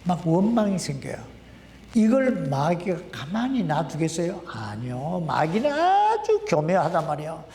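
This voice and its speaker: Animated pastor preaching in an echoey church. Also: male voice, a little high, measured pace, creaky, a little hiss or hum. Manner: conversational preaching, asks the congregation questions. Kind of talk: sermon. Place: church sanctuary. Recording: echoey hall, voice from a distance.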